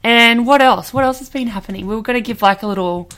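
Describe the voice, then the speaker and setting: A young adult woman co-hosting a podcast in casual chat, gushing about what she loves and quick to laugh. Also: a little high, fairly bright tone. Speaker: podcast co-host.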